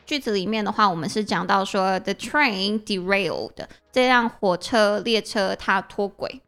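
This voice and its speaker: A woman with a Taiwanese Mandarin accent co-hosting a casual English-learning podcast, reacting quickly and slipping into English phrases. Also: mid-range voice, fairly bright tone, faint music behind. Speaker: podcast co-host teaching English. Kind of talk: casual chat.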